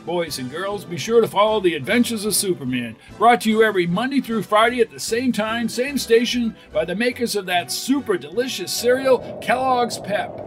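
A man's voice: sits high, lively intonation, moderate pace, hardly any pauses, soft background music. A man announcing a 1940s radio serial with dramatic, emphatic scripted narration. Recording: noisy vintage 1940s radio recording.

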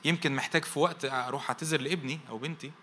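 Man, Egyptian accent, pastor's sermon, very fast delivery, bright forceful tone, repetitive lists, rhetorical questions to the congregation. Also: on the high side, steady tone, slight background noise. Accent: Egyptian Arabic. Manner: asks the congregation to finish verses with rhetorical questions; repeats phrases in rapid parallel lists.

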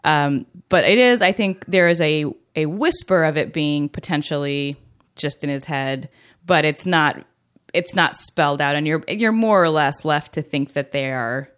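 A woman's voice: deep voice, a little slow, a bit bright, clean tone. A woman co-hosting a show, talking in a casual, analytical, conversational way. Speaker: co-host.

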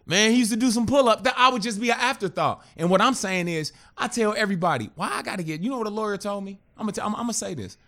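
A man in his thirties sits in as a podcast guest and tells his story in loose, casual talk. His voice sits a little high for a man, and he swears freely and jumps into the voices of the people in the story. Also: fast, hardly any pauses. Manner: animated, profane, acts out other people's lines.

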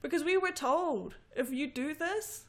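A New Zealand woman in her thirties, a graduate student, speaks in a high voice at a slightly slow pace. She chats casually, telling stories animatedly and laughing frequently.

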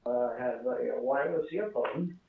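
A man's voice: medium pitch, creaky. Man calling in on a distant speakerphone. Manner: halting, repeats words. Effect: distant speakerphone sound. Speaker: caller. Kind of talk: casual call-in chat. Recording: echoey tinny phone line, faint hiss.

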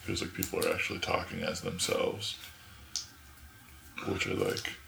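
A man's voice: sits low, sing-song, normal speed, creaky, sharp tone. A young man from Arizona, chatting casually as a podcast guest, rambling with lots of fillers. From Arizona, USA. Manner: filler-heavy, rambling, laughs often. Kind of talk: casual chat. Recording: echoey room.

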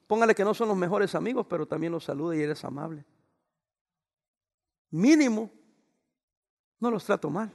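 A man, a pastor preaching a sermon, raising his voice at times and dropping into soft, quiet asides. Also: sits high, creaky. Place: church. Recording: long reverb of a church hall.

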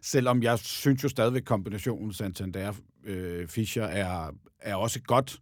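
A man's voice: on the low side, dry recording, studio quality. A man co-hosting a casual fan chat about football, hesitant and agreeable, often saying yes. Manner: hesitant, agreeable, many fillers. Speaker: football podcast co-host.

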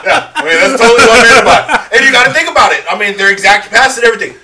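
A man's voice: very high-pitched, racing, recorded from a distance, a loud crowd, rough recording. A man co-hosting a podcast, chatting casually and explaining his points at length with enthusiasm. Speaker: podcast co-host. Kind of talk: casual chat.

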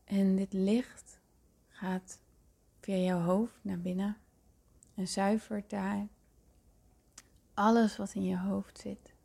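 A woman guiding a meditation slowly in a soft, hushed, breathy voice that nears a whisper. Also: medium pitch, level tone. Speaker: podcast host guiding a meditation. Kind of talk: guided meditation.

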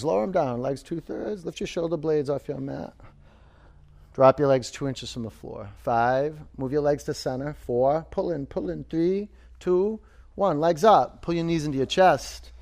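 A man with a mid-pitched voice leads a vinyasa yoga class at a very unhurried pace. He gives short, plain commands and calls out rep counts as an instructor would. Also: warm tone.

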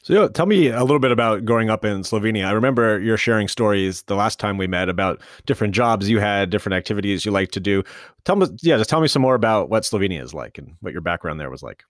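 A man's voice: fairly low pitch, expressive, fast, dry recording, studio quality. A man hosting a podcast interview, talking in a chatty, rambling way. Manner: chatty, rambling with self-restarts. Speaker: podcast host. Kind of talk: casual interview.

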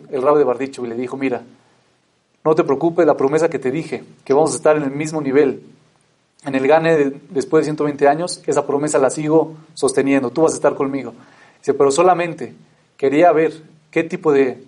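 A man narrating a religious story, acting out the characters' dialogue with rising emphasis and frequent restarts. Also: fairly high pitch. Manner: lively retelling, acts out dialogue with rising emphasis.

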